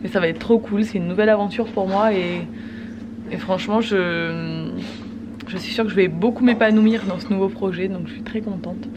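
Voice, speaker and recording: A woman chats casually in the manner of a home vlogger. Her pitch is average for a woman, and clear noise sits behind her voice. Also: moderate pace. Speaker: vlogger and mother. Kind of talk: casual vlog chat.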